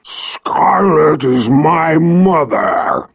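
A man voicing a huge proud young male red dragon, speaking slowly and booming as if from far off. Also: sing-song, gravelly, slightly rough, no echo, heavily acted. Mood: growling. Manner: slow, booming, growling.

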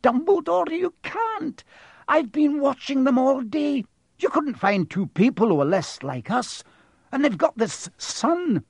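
Man voicing Professor McGonagall, high, indignant older witch. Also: expressive, slow pace, few pauses, dry recording. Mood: horrified, indignant. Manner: emphatic, indignant. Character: stern, agitated older woman professor, shocked and protesting. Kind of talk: audiobook character voice.

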